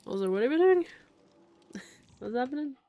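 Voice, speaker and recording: A woman's voice: high-pitched, sing-song, warm tone. A woman streaming a game in casual chat, sniffling and sounding stuffy and sick, rambling and laughing easily. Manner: chatty, rambling, quick to laugh. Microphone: desk mic. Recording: noisy home stream audio.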